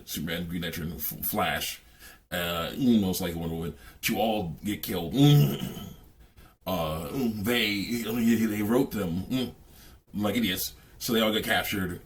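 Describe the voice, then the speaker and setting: With a deep voice, a man offers casual, off-the-cuff reactions to a game, halting and rambling as he hums and chuckles often.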